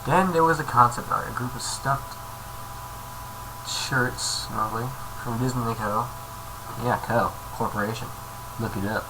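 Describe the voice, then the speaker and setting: Reading a horror story with a measured pace and frequent pauses, a medium-pitched male video host stumbles now and then and slips in jokey asides. The creepypasta reading is captured in a noisy amateur home setup.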